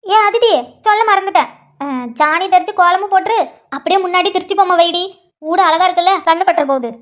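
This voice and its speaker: A woman's voice: extremely high pitch, fast, fairly bright tone. A woman voicing a preachy village mother who scolds her grown daughter. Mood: nagging. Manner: nagging, preachy.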